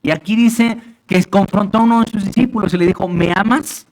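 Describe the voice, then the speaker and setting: Man, pastor, sermon, emphatic, rhetorical questions, fairly high voice. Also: fairly even intonation, quick pace, darkish tone, rough recording. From Mexico. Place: church sanctuary.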